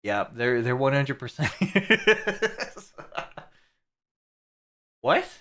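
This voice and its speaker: A man's voice: medium pitch, sing-song, very slow, a bit bright. A man streaming live, reacting to clips with crude jokes and frequent laughter. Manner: crude, joking, laughs often. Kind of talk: casual live-stream commentary.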